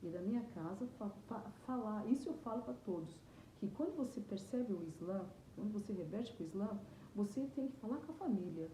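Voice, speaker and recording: A middle-aged woman with a Brazilian Portuguese accent, earnestly telling her personal story as an interviewee, often halting and restarting her words. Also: medium pitch, animated, dark tone. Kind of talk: emotional personal testimony. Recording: echoey room with faint noise.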